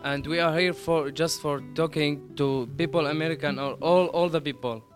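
A teenage boy from Syria, native Arabic speaker, telling his story haltingly while searching for English words. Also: fairly high pitch, steady tone, faint music behind. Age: teens. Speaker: student interviewee. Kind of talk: interview testimony.

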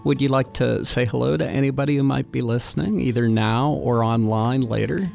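A man hosting a radio interview, asking friendly questions with many "uh" pauses. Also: mid-range voice, vocal fry, darkish tone, faint music behind. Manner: friendly questioning, frequent "uh" fillers. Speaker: radio host interviewing young guests.

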